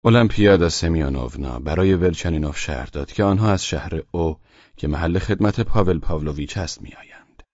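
A man narrating a novel as an audiobook in a measured, even reading. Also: sits low, no room sound, dull audio. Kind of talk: scripted narration.

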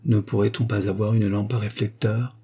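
Male reader as a brisk, matter-of-fact young intern, low voice. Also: little pitch movement, warm tone, breathy edge.

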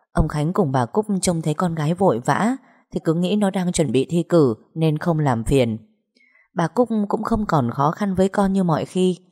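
Brief: female storyteller, lower pitch, steady dramatic narration.

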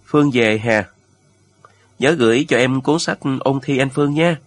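A man's voice: mid-range voice, moderate pace, natural voice. Eager young male soldier with a friendly, pleading tone, voiced by a male narrator.

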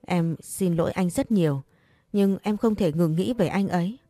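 A woman's voice: lowish voice, normal speed, dark tone, no room sound, soft background music, lightly acted. Woman reading a heartbroken young woman pleading. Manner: pleading, desperate. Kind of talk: audiobook character reading.

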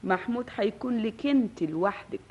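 A nosy, meddling mother in a vintage radio play, with an Egyptian accent. Her husky voice bounces up and down as she chatters, and the archival recording sounds dull and lo-fi. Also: mid-range voice, animated, fairly quick, a little mellow. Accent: Egyptian Arabic. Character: gossipy, meddling middle-aged mother. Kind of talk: 1960s-style Egyptian radio drama acting.

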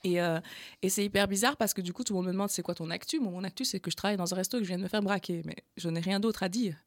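A woman's voice: mid-range voice, rapid-fire, no room sound, clean studio sound. A woman from the Charleroi area of Belgium with a Charleroi accent, a slam poet chatting animatedly as an interview guest and laughing often. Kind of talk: casual interview storytelling.

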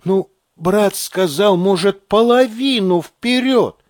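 A man's voice: high voice, slow pace, dry recording, clean studio sound, voice pushed up. A man voicing a nervous young army sergeant who gets words out hesitantly, reading an audiobook. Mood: pleading. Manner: hesitant, stammering.

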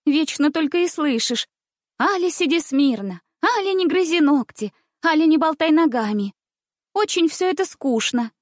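Lady reading as a bratty little rich princess, high and bossy, dry close sound. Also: expressive, normal speed, no room sound. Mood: capricious. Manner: bright, bossy, giggly. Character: spoiled rich little princess girl, capricious.

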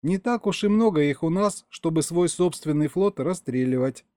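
A man's voice: a little high, expressive, moderate pace, mellow, no echo, studio quality, pitched above the performer's own voice, close to an everyday voice. A man voicing a growling furry alien male commander-in-chief who talks gloomily in a storybook reading. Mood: gloomy. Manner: gloomy, grumbling.

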